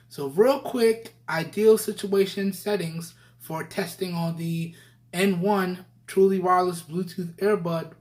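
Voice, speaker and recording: A man casually presenting a tech review video, his voice recorded through the built-in microphones of Bluetooth earbuds and often checking in with viewers. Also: sits high. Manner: chatty, addresses viewers, keeps checking in with "all right?". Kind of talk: casual product-test vlog.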